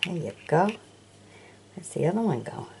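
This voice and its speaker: A low-pitched older woman with a gravelly edge, a toy collector showing auction finds, talks slowly and fondly about old toys at a sunny indoor windowsill. Her sing-song, slightly mellow voice rises and falls a great deal as she chattily admires each one and asks the viewer questions. The rough recording carries a faint hiss behind her.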